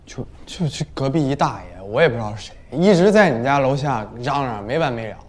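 A man's voice: medium pitch, lively intonation, a little fast, natural voice. An actor playing a boastful, easily flustered young man in a TV drama. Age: young adult. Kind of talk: TV drama acting. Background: music.

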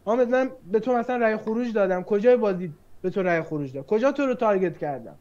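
A man recapping an online mafia game as a player, defending his votes with rapid reasoning. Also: sits high, lively intonation, darkish tone. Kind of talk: casual argumentative game recap. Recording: lo-fi online call audio.

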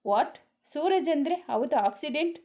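A loyal young male friend from a spoken story, played by a woman reading. He sounds worried and urgent, then reassuring, in a fairly high voice. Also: lively intonation, moderate pace, dark tone.

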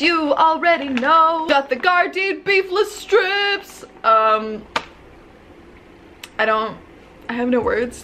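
A woman's voice: on the high side, a bit bright. Chatty young woman gushing in a bedroom. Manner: bubbly, chatty, gushing, frequent "like" and "um". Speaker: vlogger. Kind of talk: casual haul video.

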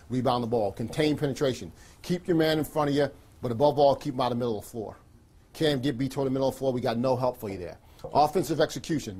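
A man's voice: mid-range voice, darkish tone. A middle-aged man speaking as a basketball coach in a pregame team talk, giving emphatic, clipped instructions and often checking in with "right?". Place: small carpeted locker room, indoors.

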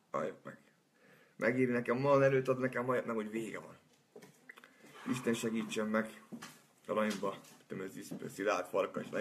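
A man on a live stream, boisterous and swearing, who turns soft and sentimental in his farewells. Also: fairly low pitch. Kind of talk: rambling live-stream monologue.

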